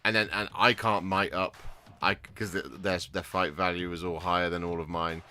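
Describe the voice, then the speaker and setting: A man's voice: low voice, fairly even intonation, moderate pace, pushed and bright, a little hiss or hum. A man chatting casually on his hobby vlog, rambling with lots of restarts and fillers. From England. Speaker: hobby vlogger. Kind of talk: casual chat while painting miniatures.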